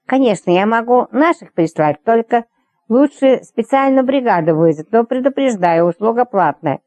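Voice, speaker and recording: A woman's voice: fairly high pitch, animated, moderate pace, mellow, no room sound, close to an everyday voice. A woman reading an audiobook, voicing a weary, blunt female ambulance dispatcher who talks sluggishly. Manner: sluggish, sighing.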